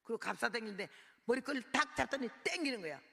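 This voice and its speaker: Woman missionary preacher telling her story in a sermon, gravelly and bright-edged, dramatic delivery with acted-out cries, long hall reverb. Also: a little high, expressive, fast. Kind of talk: sermon testimony.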